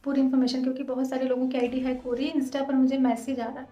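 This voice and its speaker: A woman in her thirties talking fast and earnestly to her viewers in a casual vlog. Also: high voice, little pitch movement, dark tone, reverberant, dull audio, soft background music. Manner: fast, earnest, direct address. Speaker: vlogger.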